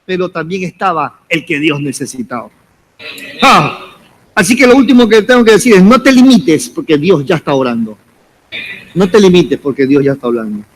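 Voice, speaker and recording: In this sermon, a pastor with a voice on the high side and lively intonation preaches at a moderate pace over slight background noise. He repeats rising exhortations to the congregation, calling them brother.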